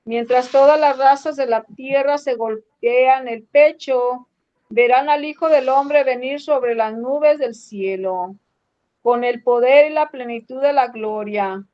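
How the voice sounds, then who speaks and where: A woman with a Mexican accent reading scripture aloud slowly and carefully in a Bible study class. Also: high voice, smooth. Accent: Mexican Spanish. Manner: slow, careful reading with pauses. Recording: dull lo-fi sound.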